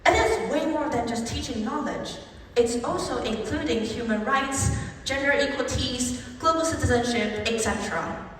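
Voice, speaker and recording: A young woman from Taiwan with a Taiwanese accent delivers a lively, rhetorical public speech. Her voice sits a little high. She is recorded from far off in a large hall with strong echo and a faint hum of ambience. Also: moderate pace. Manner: animated, rhetorical, emphatic rises on key phrases. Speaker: speech contestant.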